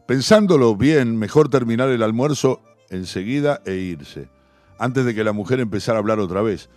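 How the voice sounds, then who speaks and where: Rioplatense male storyteller, mid-pitched, soft music bed. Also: animated, moderate pace, dry recording. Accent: Rioplatense Spanish. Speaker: narrator. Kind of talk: audiobook story reading.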